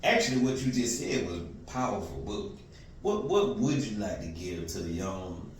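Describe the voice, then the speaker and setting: Deep-voiced easygoing male host. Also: expressive. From Florida. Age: 40s. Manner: easygoing, slangy, drawn-out fillers. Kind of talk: casual interview. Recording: echoey room, distant mic, faint noise.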